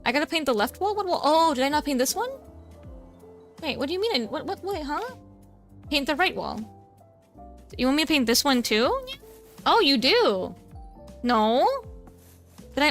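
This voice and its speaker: A woman VTuber makes casual conversation as she plays, flustered and chatty, adding a cute "nya" to her lines. Her voice sits high and is a bit bright, with big pitch swings, a moderate pace and long pauses, backed by soft music.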